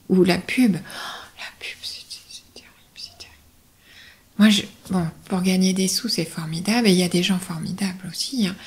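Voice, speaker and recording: A woman voice-over announcer chatting playfully in an interview, often dropping into breathy whispered asides. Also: medium pitch. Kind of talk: relaxed interview chat.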